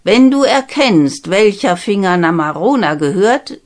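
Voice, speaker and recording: Eine Frau, die in einer Märchenlesung einen strengen, misstrauischen alten König spricht, langsam und nachdrücklich. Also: female voice, medium pitch, lively intonation, a little slow, natural voice. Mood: stern. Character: stern old king, commanding and suspicious.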